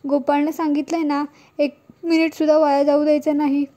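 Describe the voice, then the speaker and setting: A woman voicing a caring, gently bossy elder sister. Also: high voice, level tone, fairly quick, natural voice.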